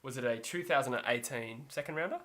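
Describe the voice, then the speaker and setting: Talking fast in a medium-pitched, fairly bright voice, a sports podcast co-host rambles through casual chat. He laughs easily and keeps backtracking to fix what he just said.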